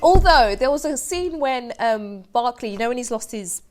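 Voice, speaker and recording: A woman's voice: a little high, expressive, normal speed. A woman hosting a podcast, chatting casually and giggling often. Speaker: podcast host.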